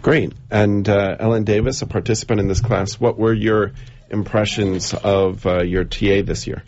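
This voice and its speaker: Low-voiced man interviewing, lo-fi sound. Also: fairly even intonation, darkish tone. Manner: halting, full of fillers. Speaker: radio interviewer. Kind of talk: radio interview.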